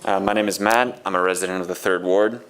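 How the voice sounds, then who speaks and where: A man's voice: deep voice, steady tone, fast, a bit bright, a little hiss or hum. A man giving public comment at a city meeting, sarcastic and accusing. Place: city commission chamber.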